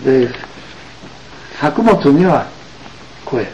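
Man giving a lively religious lecture. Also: medium pitch, dull audio, slight background noise. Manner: emphatic, with frequent drawn-out asides. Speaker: religious teacher.

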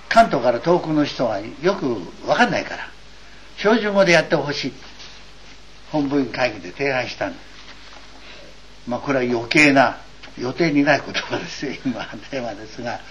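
A man's voice: medium pitch, fairly bright tone. An older man from eastern Japan gives an earnest, wry and digressive doctrinal lecture as a religious teacher. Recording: dull lo-fi recording with faint hiss.

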